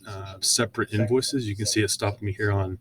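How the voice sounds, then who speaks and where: A man walks through software in an informal screen share, explaining each step conversationally and often hesitating with fillers. His voice is fairly low and steady, a little fast, with crowd noise in the background.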